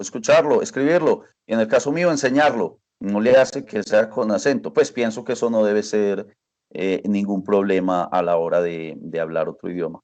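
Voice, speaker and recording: A man's voice: fairly low pitch, a little mellow. A man answering interview questions as a language teacher, earnest and repeating phrases for emphasis.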